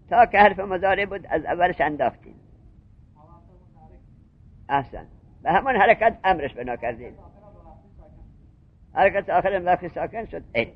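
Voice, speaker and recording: Teacher, male, high lively voice, breathy, muffled lo-fi lecture tape, quizzes the room. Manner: questioning, repeats points to drill students. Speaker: seminary teacher. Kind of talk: classroom lecture on Arabic grammar.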